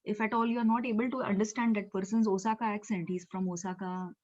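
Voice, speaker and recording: A woman's voice: medium pitch, fairly even intonation, fast talker, darkish tone. A woman with an Indian English accent teaching Japanese in an online class, explaining step by step with many fillers and repeated words. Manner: explanatory, with frequent fillers and repetitions. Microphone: video call. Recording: lo-fi video call audio.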